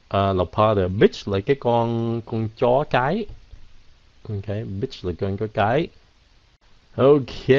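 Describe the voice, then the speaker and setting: A man teaching English in a casual live Q&A, mixing Vietnamese and English and drawing words out slowly. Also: medium pitch, a little mellow. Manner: drawn-out, slow pronunciation of English words. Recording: dull, lo-fi, dry.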